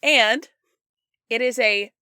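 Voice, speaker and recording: A woman's voice: fairly high pitch, slow, pushed and bright, clear, resonant tone. A woman co-hosting a podcast with playful, casual banter. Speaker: podcast co-host.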